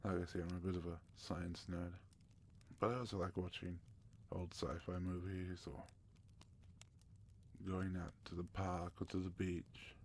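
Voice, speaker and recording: A man from South Africa hosting a soft-spoken ASMR question-and-answer session, gentle and sometimes slipping into a whisper. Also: deep voice, level tone, unhurried, a little hiss or hum. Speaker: ASMR channel host.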